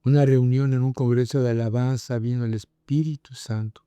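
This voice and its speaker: A man's voice: mid-range voice, fairly even intonation, normal speed, warm tone, clear, resonant tone, no room sound. A middle-aged male pastor, preaching and praying with fervent emphasis. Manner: earnest, fervent, with rising prayerful emphasis. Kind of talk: sermon and prayer.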